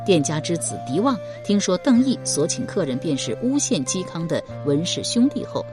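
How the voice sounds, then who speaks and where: A woman narrating an audiobook novel in an expressive, scripted storytelling style. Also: lowish voice, moderate pace, music in the background.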